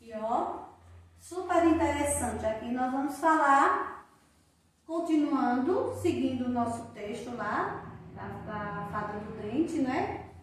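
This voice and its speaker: A Brazilian woman teacher speaks in a high voice, slowly and patiently sounding out syllables for young children. The sound is very echoey. She is recorded from a distance. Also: lively intonation. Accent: Brazilian Portuguese. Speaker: primary school teacher.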